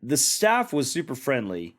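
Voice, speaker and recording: A man co-hosting a podcast, rambling through anecdotes with a relaxed, casual manner. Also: medium pitch, a little slow. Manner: rambling storyteller, many restarts. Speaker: podcast co-host.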